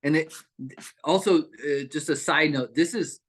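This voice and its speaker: A man's voice: a little high, a little slow, a bit bright. A man casually telling a childhood story on a video call, rambling, with many fillers and restarts. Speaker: group participant.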